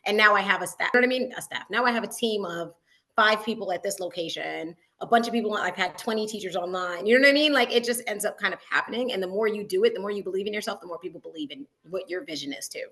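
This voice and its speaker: A woman's voice: medium pitch, quick pace, pushed and bright. A woman who founded a school, a guest in an interview, talking casually and bubbly, with lots of "like" and "you know what I mean", from her school building over a video call.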